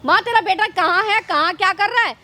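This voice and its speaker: A woman's voice: very high voice, fairly quick, sharp tone. A woman playing a scolding, pleading mother-in-law in an improvised family drama skit. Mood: reproachful. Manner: reproachful, moralizing. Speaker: actor in a staged prank skit.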